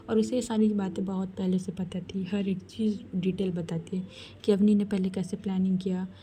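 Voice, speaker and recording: A woman storyteller narrating a romance in a chatty, soft-spoken way, addressing the listeners. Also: mid-range voice, a little hiss or hum.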